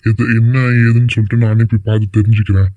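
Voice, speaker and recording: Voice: mid-range voice, level tone, quick pace, dry recording, narrow, tinny audio, close to an everyday voice. Someone voicing a protective cartoon father, indignant. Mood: worried indignant. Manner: alarmed questioning, turning indignant. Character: worried father, middle-aged man, protective. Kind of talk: animated cartoon dialogue.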